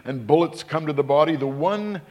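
A man, a pastor, delivering a measured, emphatic sermon that rises in intensity. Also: a little high, a little mellow, lo-fi sound.

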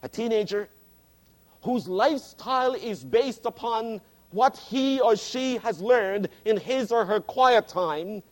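A man's voice: sits high, animated, slow. A man in his fifties preaching a sermon, earnest and emphatic, repeating key phrases for stress. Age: 50s.

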